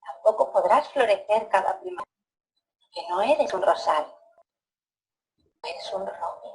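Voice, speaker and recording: A woman storyteller voicing a deep, solemn inner voice that guides a young tree, speaking slowly and gravely. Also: expressive, a little mellow, lightly acted, poor audio.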